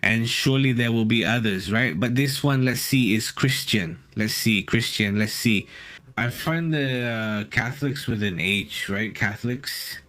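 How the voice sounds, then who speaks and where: A man's voice: medium pitch, a little slow, fairly bright tone, no room sound. Rambling man on a dry live stream. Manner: rambling, filler-heavy, reads viewer comments aloud. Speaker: co-host of a live news stream. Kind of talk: casual live-stream chat.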